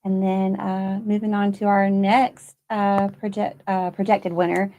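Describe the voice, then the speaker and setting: Woman co-anchor recapping results on air, unpolished and hesitant, mid-pitched. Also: little pitch movement, a little slow, warm tone, highs cut off. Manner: hesitant, reading results with fillers and small laughs. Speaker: election night co-anchor. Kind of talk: live election results recap.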